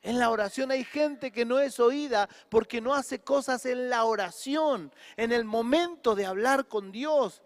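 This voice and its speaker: Impassioned high-voiced Argentine pastor. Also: male voice, measured pace, hardly any pauses, dry recording, in a large hall. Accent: Argentine Spanish. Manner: impassioned, swings from soft to shouting. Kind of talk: sermon.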